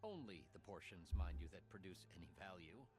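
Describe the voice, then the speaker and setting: Game role: harried official, low, animated, exasperated. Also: male voice, brisk, over music.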